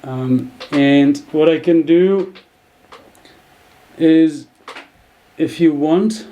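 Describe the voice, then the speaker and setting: Speaking very slowly in a warm, slightly high voice, a Dutch man in his thirties talks through a video edit for a screen-recorded tutorial. As the video editing tutor reasons out loud, his speech is full of fillers and false starts.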